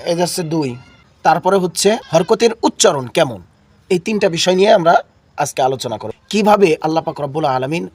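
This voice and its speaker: A high-pitched man teaches a Quran reading class while feeling unwell, with a cough in his voice. He drills his listeners in call and response, repeating each key term until they echo it back. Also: slightly rough.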